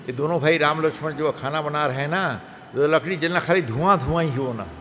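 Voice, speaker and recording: A man in his seventies leads a scripture class as a storytelling sermon, lively and full of acted-out voices. His voice sits a little higher than most men's. It carries through a large hall with a long reverb tail, over a faint hum of background noise. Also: fairly quick. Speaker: monk giving a scripture class. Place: temple hall.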